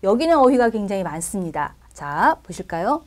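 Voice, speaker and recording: Woman, Spanish teacher, animated pitch, step-by-step explaining, checks in often. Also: normal speed. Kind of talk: recorded language lesson.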